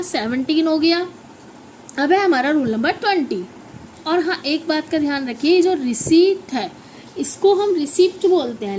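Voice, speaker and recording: A woman's voice: high-pitched, darkish tone, slight background noise, poor audio. A woman with an Indian accent, a native Hindi speaker, teaches English phonics to children, spelling words out letter by letter and asking the class to repeat them.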